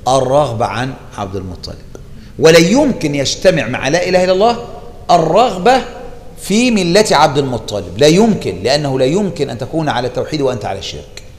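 A man with an Egyptian Arabic accent teaching a religious lesson, explaining a classical text in an animated way and repeating key phrases for emphasis. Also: fairly high pitch, quick pace, long reverb tail.

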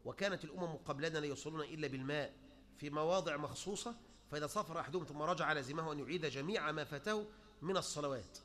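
Man, Egyptian Arabic accent, preacher, sermon, animated, mocking, fast. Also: on the high side. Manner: animated, rhetorical questions, mocking quoted opponents.

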